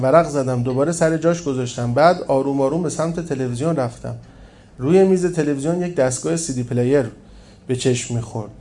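A man reading a first-person story aloud as narrator, in a steady storytelling manner. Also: on the high side. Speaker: audiobook narrator.

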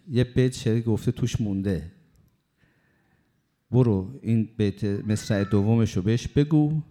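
Man doing a calm wise holy man, slow and guiding, warm deep tone. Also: close to an everyday voice. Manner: slow, instructive.

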